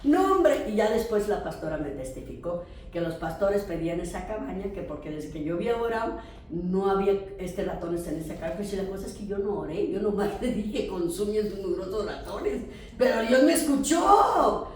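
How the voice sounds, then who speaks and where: A woman pastor with a Mexican accent, teaching a church class in a lively storytelling way and speaking straight to her listeners. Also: mid-range voice, fairly quick, a little hiss or hum. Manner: animated storytelling, addressing listeners directly. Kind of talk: sermon-style teaching with testimony. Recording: very echoey room, distant mic.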